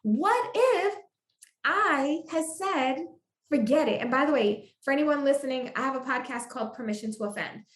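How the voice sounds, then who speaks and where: A woman with a high voice talks as a podcast guest, emphatic and exclaiming as she tells her story. She leans on repeated phrases for effect. The sound is roomy, with a noticeable echo. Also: expressive, moderate pace, fairly bright tone. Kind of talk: animated faith storytelling.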